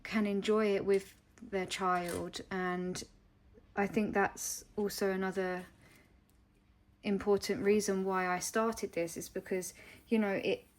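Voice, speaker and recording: A young woman from England talking to camera in a casual vlog, hesitant and heartfelt, with many pauses and ums. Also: medium pitch, little pitch movement. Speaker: vlogger.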